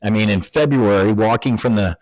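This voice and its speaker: A man's voice: on the low side, fairly quick, darkish tone, no room sound, low-quality recording. A middle-aged man, a former Navy pilot, telling his story in a casual interview, acting out the voices of people he quotes. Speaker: guest, former Navy fighter pilot turned options trader.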